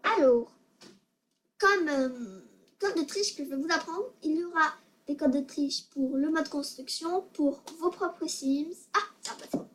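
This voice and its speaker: Girl with a high voice chatting through a game tutorial, stumbles and repeats words a lot, a bit shy. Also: a little slow. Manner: hesitant, stammers and repeats words; self-conscious and giggly. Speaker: gaming video maker. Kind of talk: casual game tutorial commentary.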